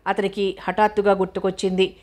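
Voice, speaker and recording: A woman narrating a novel as an audiobook in a steady, measured way. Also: medium pitch.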